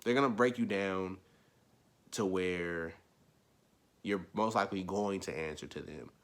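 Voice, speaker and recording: A young vlogger speaks directly to the camera at a measured pace, delivering a casual, rambling rant of opinions. He repeats himself, shifting between quiet mumbling and loud, emphatic outbursts.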